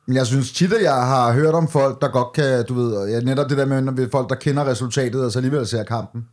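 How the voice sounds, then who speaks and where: Male podcast co-host, mid-pitched voice, loose colloquial sports chat with mild swearing. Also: a little mellow. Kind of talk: casual chat, football watch-along commentary.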